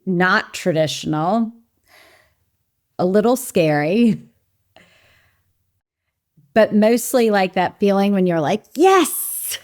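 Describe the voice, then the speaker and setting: A woman's voice: medium pitch, takes it slowly, long pauses, a little mellow, no room sound, clean studio sound. A woman guest on an interview podcast, an executive chatting in an easygoing, good-humored way. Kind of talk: casual interview chat.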